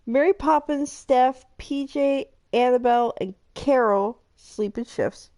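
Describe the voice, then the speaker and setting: Her voice is high-pitched and warm, and she speaks at a measured pace. As host of a live game stream, she keeps the chat casual, narrates in-game events, and frequently breaks into giggles.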